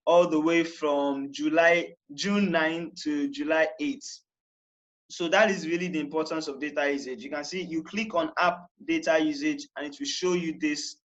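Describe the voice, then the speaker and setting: A man's voice: a little high, a bit bright, poor audio. A young man from Nigeria giving a chatty how-to lesson, often saying "all right" and repeating himself. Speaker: tech tutorial host. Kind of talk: casual how-to explanation.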